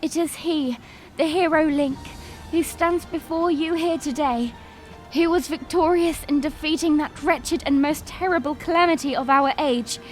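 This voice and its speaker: A woman plays a young fantasy princess with a high voice. She speaks in stately, earnest phrases, like a resolute leader in an audio drama, with music beneath her. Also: normal speed, natural voice. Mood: solemn, proclaiming. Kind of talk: fan audio drama acting, formal oratory.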